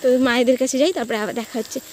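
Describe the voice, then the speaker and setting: A woman's voice: on the high side, very fast, slight background noise. A young woman vlogging casually, chatting straight to her viewers while filming on a phone outdoors in village fields. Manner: chatty, addresses friends directly. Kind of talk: casual vlog narration. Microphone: phone camera.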